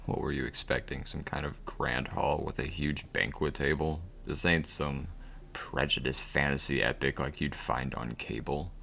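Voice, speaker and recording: A man's voice: very deep voice, fairly even intonation, normal speed, gravelly, sharp tone, slight background noise, full character voice. A man reading aloud the sarcastic narration of a dating game, with a dry, sardonic delivery.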